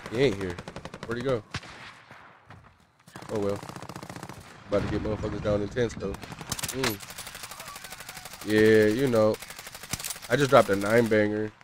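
A man's voice: on the low side, fairly even intonation, unhurried, long pauses, background noise. A male game streamer chatting casually with slangy, profane banter while he plays. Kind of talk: casual gaming chat.

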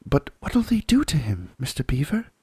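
A man voicing an earnest, anxious young girl in a storybook reading, with a breathy voice. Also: a little high, sing-song, a little slow, darkish tone, no echo, voice pushed up, heavily acted. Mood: pleading.

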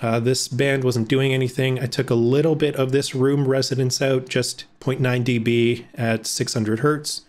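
A man's voice: mid-range voice, steady tone, normal speed, hardly any pauses. A man in his thirties giving a casual screen-recorded video editing tutorial from a home room. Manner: explanatory, casual, with fillers. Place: home room with blackout curtains.

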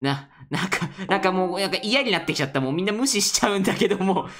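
A young woman with a Kansai accent giving chatty, animated let's play commentary while talking to her viewers. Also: medium pitch, rapid-fire, faint music behind. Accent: Kansai Japanese. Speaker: gaming YouTuber.

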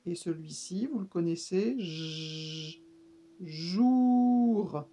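Slow, patient woman teaching sounds. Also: mid-range voice, expressive, mellow. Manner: stretches and repeats sounds for young learners. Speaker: speech therapist teaching reading. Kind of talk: slow children's reading lesson.

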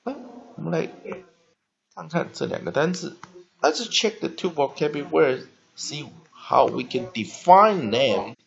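A male English teacher giving a vocabulary lesson, spelling words letter by letter and repeating them slowly. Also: mid-range voice, vocal fry, muffled recording.

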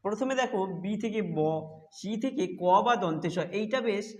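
A man's voice: sits high, animated, fairly quick, a little mellow. A man teaching English pronunciation rules step by step, patiently repeating each point. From Bengal. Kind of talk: explaining a phonics lesson.

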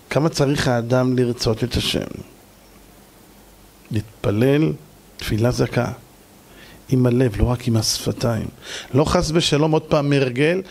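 A man, a rabbi, giving a lively sermon with stories and jokes, now and then rising almost to a shout. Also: medium pitch. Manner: animated, rises to near-shouting on key points.

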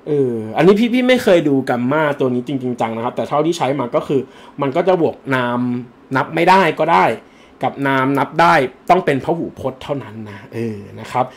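A man's voice: mid-range voice, big pitch swings, fairly quick. A man teaching English for an entrance exam on a livestream, chatting and joking casually as he answers viewer comments. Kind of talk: live-streamed lesson answering viewer comments.

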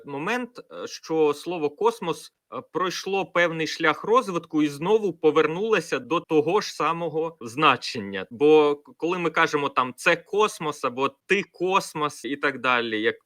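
A man's voice: on the high side, sharp tone, no echo, studio quality. A man streaming, casually answering viewer questions and explaining word origins with many fillers.

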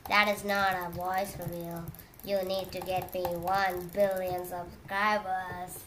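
A woman's voice: on the low side, slow. Woman, casual gaming chat, playful, silly sound effects, noisy recording with keyboard clicks. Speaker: gamer making videos. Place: at a computer, indoors. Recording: steady noise with keyboard clicks.

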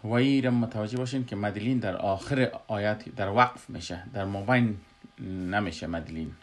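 A man with an Afghan Dari accent explaining a Quran recitation lesson, pausing often with filler sounds. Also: fairly low pitch. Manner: halting, frequent filler hesitations.

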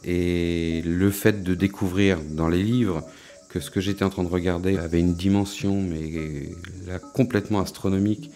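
Deep-voiced middle-aged man. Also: steady tone, moderate pace, warm tone, faint music behind. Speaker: astronomy centre director and science educator. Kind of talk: interview, explanatory talk.

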